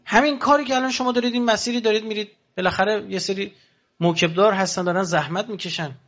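A man's voice: a bit bright, lo-fi sound. A man preaching a passionate sermon to pilgrims, asking rhetorical questions and swinging his voice sharply up and down. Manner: impassioned, rhetorical questions, sudden rises and drops in pitch.

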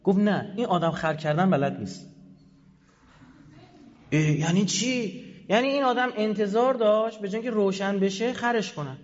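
Fiery male speaker, fairly high voice, sarcastic, rising to loud bursts, dull hall recording. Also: pauses often. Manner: heated, sarcastic, swings between loud bursts and low asides. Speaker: head of an institute. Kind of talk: animated talk to an audience. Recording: dull lo-fi audio in a reverberant hall.

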